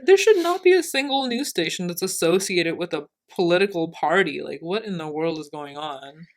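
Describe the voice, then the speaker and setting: A woman's voice: on the low side, expressive, normal speed. A young woman in her twenties, co-hosting a podcast in casual chat, rambling with many fillers and laughing, a little tipsy. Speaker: podcast co-host.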